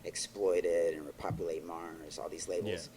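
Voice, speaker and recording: A man's voice: sits low, little pitch movement, moderate pace, mellow, slight background noise. A man in his thirties from Texas with a faint Texan accent, a record label guest rambling casually with many fillers and restarts. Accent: Texan, mostly faded. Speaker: guest, record label owner and artist manager. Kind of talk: casual podcast chat.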